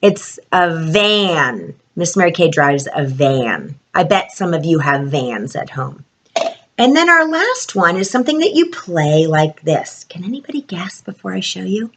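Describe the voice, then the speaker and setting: Slow singsong woman teaching young children. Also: deep voice, very animated. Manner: broad singsong children's-presenter delivery with prompting questions; addresses young children, stretching key words. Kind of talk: children's alphabet lesson.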